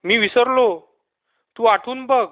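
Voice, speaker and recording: A man reading a storybook aloud, voicing an excitable young boy who shouts to his friend. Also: extremely high pitch, slow pace, voice pushed up. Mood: shouting. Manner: shouting, eager. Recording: dull lo-fi recording.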